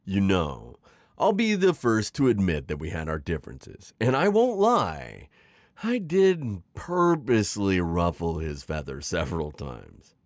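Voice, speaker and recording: In a scripted ASMR roleplay, a man acts as a sly, teasing, middle-aged retired magical villain, sounding amused and coaxing theatrically, with manipulative persuasion punctuated by sighs and chuckles. His low voice swoops wildly in pitch at an unhurried pace, fully in character. The recording has no echo.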